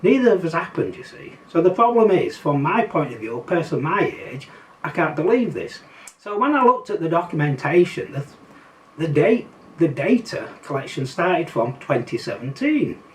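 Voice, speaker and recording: Lively Yorkshire man, skeptical talk. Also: on the high side, normal speed. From Yorkshire, England. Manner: wry, conversational, skeptical. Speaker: political commentary vlogger. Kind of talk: casual monologue to camera. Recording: slightly distant mic, faint background noise.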